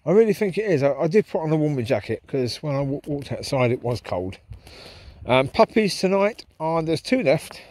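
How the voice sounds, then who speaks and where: Slightly high-pitched with big pitch swings, a man speaks at a moderate pace in a darkish tone, the recording dry. He's a vlogger rambling reflectively to camera while walking his dogs through a park at night, outdoors, filmed on a handheld camera as he goes.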